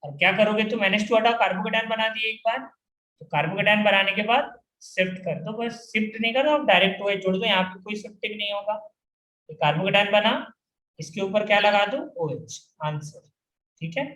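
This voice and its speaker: A man's voice: high-pitched, pushed and bright. A man teaching chemistry to a class, repeatedly firing questions at his students and drilling the answers. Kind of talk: classroom lecture. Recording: echoey room.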